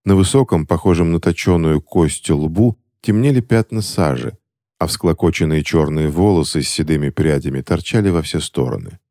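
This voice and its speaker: A man narrating an audiobook story in a measured, even way. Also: very deep voice, no echo, studio quality.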